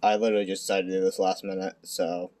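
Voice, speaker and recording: Young male, lowish pitch, hushed night-time delivery; unscripted hobby presenter, halting and self-deprecating. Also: level tone. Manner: halting, self-deprecating, stumbling over words. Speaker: amateur video creator presenting a card deck. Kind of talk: casual unscripted card game deck profile. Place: at home at night.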